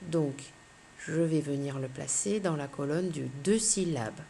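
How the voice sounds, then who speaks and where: Patient schoolteacher, a woman with a lowish voice, very slow delivery for young pupils, faint room hum. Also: gravelly, warm tone. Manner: patient, spells out letters one by one. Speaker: teacher. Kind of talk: slow, clear phonics lesson for young children.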